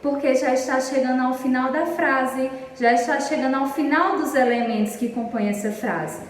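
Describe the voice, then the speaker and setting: A woman from Brazil, a primary school teacher, giving a recorded lesson for children in an affectionate, slow, explanatory way, reading example sentences aloud drawn out. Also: high voice. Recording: echoey room, distant mic, faint noise.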